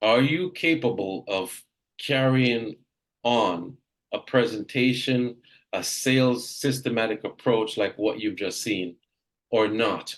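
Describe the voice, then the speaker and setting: Leading a group coaching session for real estate agents, a Jamaican man speaks directly and emphatically, often saying a point twice. His pitch is an ordinary middle range.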